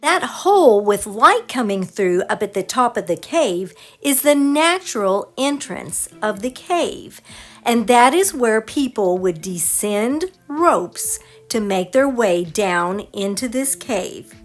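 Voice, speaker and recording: Slow, lively woman narrating over music. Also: a little high. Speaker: travel vlogger and narrator. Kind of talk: scripted travel narration.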